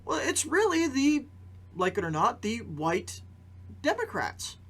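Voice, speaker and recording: His very high voice swings hugely in pitch, a bit bright and a little slow. This Canadian man hosts a podcast of chatty news commentary, asking rhetorical questions and repeating phrases to drive points home.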